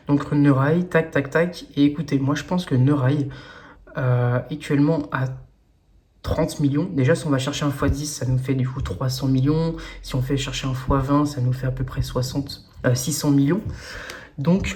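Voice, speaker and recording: A man's voice: medium pitch, a little mellow. A man hosting a crypto investing video, talking casually through a screen-share walkthrough, full of fillers and speaking straight to his viewers.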